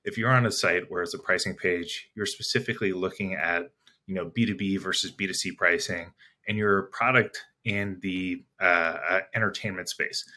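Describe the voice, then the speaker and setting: Speaking at normal speed in a low, steady voice with a sharp tone, a male sales executive talks as an interview guest. He lays out business ideas conversationally and thoughtfully, assembling each point step by step.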